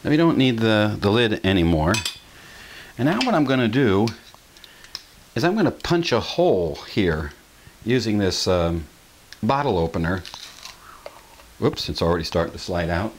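Filmed on a camera mic in his home kitchen, a middle-aged channel host with a lowish voice walks through a casual cooking demonstration, explaining every step folksily with plenty of fillers. There is a little hiss or hum.

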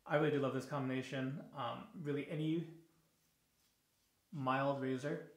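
A man in his thirties talks loosely through a shave, tired after a long day and full of "uh"s and restarts. His voice sits at an ordinary middle pitch. The small tiled bathroom gives everything a roomy echo. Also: moderate pace. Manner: relaxed, rambling, frequent fillers and restarts. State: a little tired in the evening. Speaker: shaving video host. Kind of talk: casual product review while shaving. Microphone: camera on the counter at close range. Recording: echoey bathroom.

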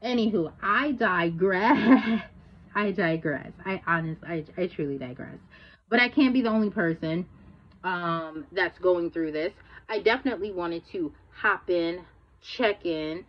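A woman's voice: lowish voice, a little slow. Candid, foul-mouthed woman vlogging. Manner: candid, rambling, profane. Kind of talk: casual check-in vlog. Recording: dull lo-fi recording.

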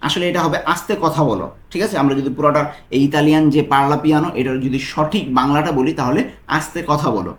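A man teaching a language lesson, saying each phrase slowly and then repeating it, explaining it word by word. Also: a little high, fairly even intonation, reverberant. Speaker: language tutor.

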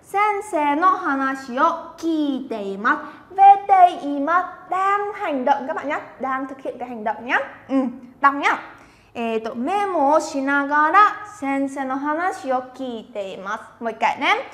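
High-pitched vietnamese woman teacher, chatty and encouraging, repeats japanese words slow for you to copy. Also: expressive, a bit bright. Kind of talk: lively vocabulary lesson.

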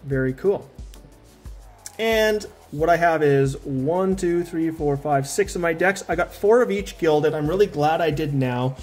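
A man with a slightly high voice talks through an unboxing in a loose, rambling way, with restarts and fillers. He is in pain and a little out of breath. Soft music plays faintly under him. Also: a little slow. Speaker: unboxing vlogger. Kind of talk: casual unboxing talk.

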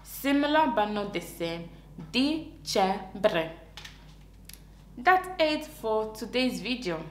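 Very slow-speaking woman teaching a language. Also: fairly high pitch, big pitch swings, roomy sound, a little hiss or hum. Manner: careful, repeating each word slowly. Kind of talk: slow beginner language lesson.

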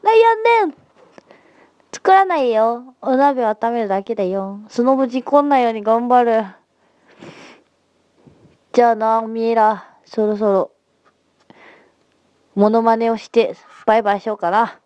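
A woman hosting a casual livestream and chatting to her viewers over a phone mic, playful and giggly, slipping into dialect and rough slang. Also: a little high, measured pace, pauses often, a little mellow, no echo, highs cut off. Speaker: livestream host. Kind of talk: casual livestream chat reading viewer comments.

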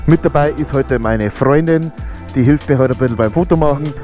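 A man's voice: a little fast, soft background music. A man with a Bavarian accent chatting casually while riding his motorcycle on mountain roads, swearing now and then and talking through a helmet mic. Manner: chatty, swears casually, rises in pitch when excited. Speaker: motovlogger.

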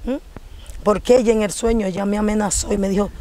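A woman's voice: medium pitch, fairly even intonation, fast, mellow. A woman giving a fervent religious testimony, emphatically declaring rebukes in a raised preaching voice. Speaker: church testimony giver.

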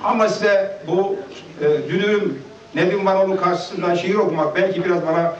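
A man in his fifties giving a halting, nervous speech at a gathering and reciting a heartfelt poem. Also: high voice. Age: 50s. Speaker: guest speaker at a farewell gathering. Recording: echoey, distant, dull lo-fi home video.

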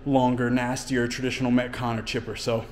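A man's voice: mid-range voice, little pitch movement, brisk, a little hiss or hum. A man, a fitness coach, talking casually through his workout and catching his breath as he explains his training. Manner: explains training plainly between efforts, with fillers. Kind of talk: casual workout vlog talk. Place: home gym and outdoors in winter.

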